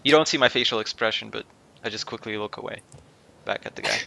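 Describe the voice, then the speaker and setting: A man playing a tabletop game, describing his character's actions plainly with quiet asides. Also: fairly low pitch, fast talker, creaky. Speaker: player. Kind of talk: casual tabletop play.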